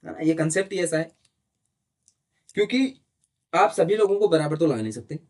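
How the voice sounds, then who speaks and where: A man teaching a class with a voice pitched a little high. He lays out terms and definitions patiently, one point at a time, and keeps checking in with his listeners through questions he then answers himself. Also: lively intonation, moderate pace, a little mellow. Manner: explains step by step, asks rhetorical questions and often adds "है ना?". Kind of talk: classroom lecture in Hindi mixed with English terms.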